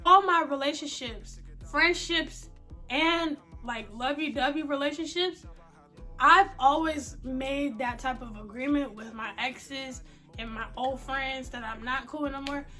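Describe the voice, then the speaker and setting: A young woman telling a personal story in a blunt, animated, slangy way, swearing freely. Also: sits high. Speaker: vlogger. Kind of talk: casual storytime vlog.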